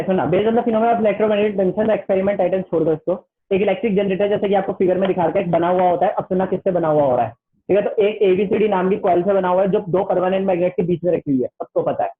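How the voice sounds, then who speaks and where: A man teaching an online class with a Hindi accent, chatty and repetitive, reading the textbook aloud slowly in English. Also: sits high. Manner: chatty, keeps saying "listen carefully", reads the textbook slowly in English. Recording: tinny phone-like online class audio.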